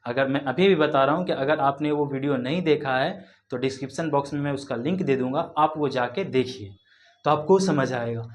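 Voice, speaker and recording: A man's voice: mid-range voice, fairly quick. A man teaching a spelling lesson with a Hindi accent, spelling words out letter by letter and patiently repeating them. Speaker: English teacher.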